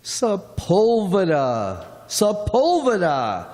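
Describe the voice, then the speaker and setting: A man's voice: on the high side, big pitch swings, slow pace, darkish tone. A man playing a chatty, folksy middle-aged cab driver in a radio play, rambling on in a drawl. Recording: long hall reverb.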